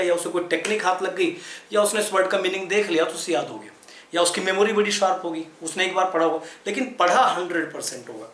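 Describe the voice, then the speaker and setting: A man with a high, somewhat bright voice teaches English vocabulary in Hindi, explaining a lesson at a chart. He's patient and spells words out letter by letter, and the room sounds echoey.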